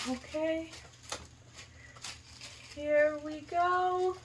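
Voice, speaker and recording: An American high school teacher, a young woman whose first language isn't Arabic, unboxes a gift in a relaxed vlog with background noise. Her slightly high voice moves slowly as she lingers on each delighted reaction. She gushes enthusiastically over every item, saying "like" and "so cute" constantly.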